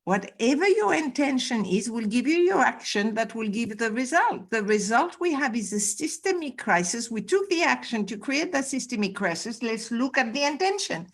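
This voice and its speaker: Woman teacher, fairly high voice, earnest and emphatic, video call. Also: big pitch swings, normal speed, few pauses. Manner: earnest, emphatic, repeats words for stress. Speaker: spiritual teacher. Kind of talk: conversational interview on a call.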